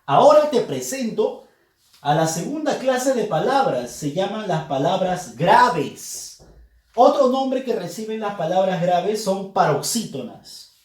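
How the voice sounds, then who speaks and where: Animated man teaching a grammar lesson. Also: sits high, a little slow, echoey room. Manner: emphatic, addresses students directly. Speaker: language teacher.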